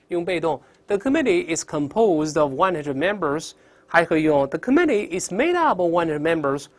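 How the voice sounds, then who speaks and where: A teacher giving a classroom English vocabulary lesson in an emphatic way, drilling pronunciation aloud and often ending phrases with a soft 啊. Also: mid-range voice.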